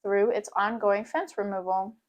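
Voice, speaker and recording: A woman's voice: medium pitch, fairly even intonation, normal speed, muffled recording. A woman co-hosting a casual chat, upbeat and chatty about books. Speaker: co-host.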